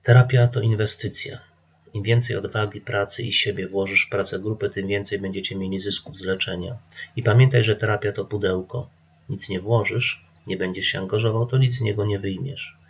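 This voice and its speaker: A man, an addiction therapist, calmly explaining group therapy rules straight to the listener in an instructive presentation. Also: lowish voice, a little fast, slightly rough, highs cut off. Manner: calm, instructive, addresses listener directly. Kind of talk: talking-to-camera presentation.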